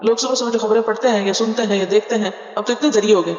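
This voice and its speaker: A woman's voice: medium pitch, steady tone, darkish tone. Woman teaching scripture in an echoey hall. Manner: asks listeners questions and answers them herself; explains terms patiently, mixing in English glosses. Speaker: Quran teacher. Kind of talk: word-by-word scripture tafseer lesson. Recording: echoey hall, dull lo-fi sound.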